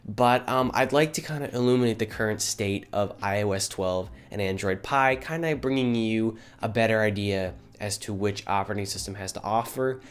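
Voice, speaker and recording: A man's voice: lowish voice, clear, resonant tone. A young man from Michigan with a stuffy, nasal voice from a cold, casually narrating a tech comparison video with lots of fillers. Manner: relaxed, filler-heavy, says kinda a lot.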